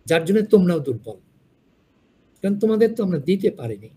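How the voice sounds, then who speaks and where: A man's voice: high voice, very animated, brisk, dark tone, breathy edge. Frank older man lecturing a class. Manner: frank, digressive storytelling. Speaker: university lecturer.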